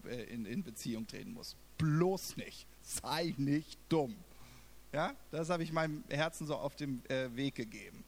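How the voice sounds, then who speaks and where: A young man preaching a sermon, telling a personal story in an animated way and acting out what others said with big swings in loudness. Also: a little high, vocal fry. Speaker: pastor.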